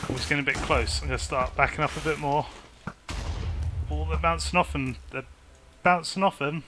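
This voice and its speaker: A man commentating his own game, excitable and chatty as he talks himself through it. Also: fairly high pitch, a little hiss or hum. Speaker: gaming YouTuber. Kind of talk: casual Minecraft let's play commentary.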